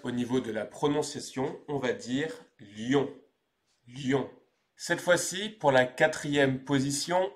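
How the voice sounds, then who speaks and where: Brief: young Parisian man, French teacher, unhurried delivery, middle pitch, drills each word twice or thrice. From France. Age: 20s. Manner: slow, clear pronunciation drills with repetition. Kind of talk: scripted language lesson.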